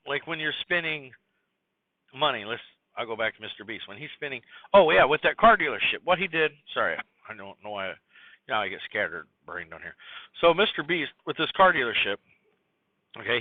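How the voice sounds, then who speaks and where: A man's voice: medium pitch, no echo. A man hosting a casual solo podcast, rambling and scattered with many fillers and restarts. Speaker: podcast host. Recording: tinny phone-like dry recording.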